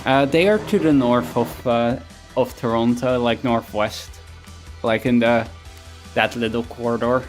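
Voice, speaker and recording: A man's voice: mid-range voice, unhurried. A man streaming a game from home, chatting casually in a rambling, self-mocking way that often trails off. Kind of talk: casual chat while gaming. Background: game music.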